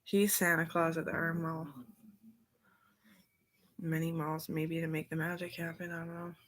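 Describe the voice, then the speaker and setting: Lady w a lowish voice just rambling on, drifts off and slips into whispers here and there. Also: level tone, moderate pace, a bit bright, a little hiss or hum. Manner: drifting, trails off into unvoiced whispers; meandering, loose train of thought. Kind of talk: rambling casual monologue.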